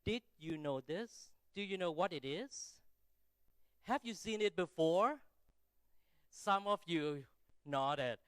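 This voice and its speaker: A man's voice: on the high side, a bit bright, smooth, dry recording. A middle-aged man from Thailand speaking English with a Thai accent, giving an informal, conversational keynote speech with self-deprecating asides and rhetorical check-ins.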